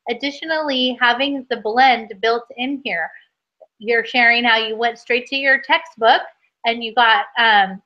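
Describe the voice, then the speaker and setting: A woman's voice: on the high side, steady tone, unhurried, pushed and bright, muffled recording. A woman workshop host giving articulate, encouraging feedback on a teacher's lesson. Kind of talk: supportive feedback in an online workshop.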